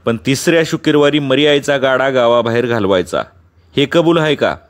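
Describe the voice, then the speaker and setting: A man voicing a gruff old village elder. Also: medium pitch, a little fast, lightly acted. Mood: stern. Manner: gruff, commanding rustic speech.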